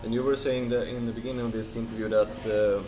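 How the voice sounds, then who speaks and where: A man's voice: medium pitch, little pitch movement, quick pace, distant mic, crowd noise. A man with a Swedish accent hosting a vlog, asking brief, plain interview questions. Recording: echoey room with background noise.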